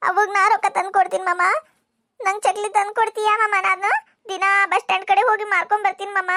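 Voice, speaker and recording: A woman's voice: extremely high pitch, flat delivery, fast, bright, forceful tone, dry recording, clean studio sound, heavily acted. A woman voicing an earnest, pleading little girl of six or seven in a cartoon, with a North Karnataka accent. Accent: North Karnataka Kannada. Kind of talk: cartoon voice acting.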